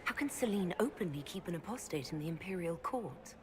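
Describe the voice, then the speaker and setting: A woman's voice: fairly low pitch, lively intonation, fairly quick, slight background noise, lightly acted. An actress playing a composed, diplomatic lady inquisitor in a fantasy game, polite and self-possessed.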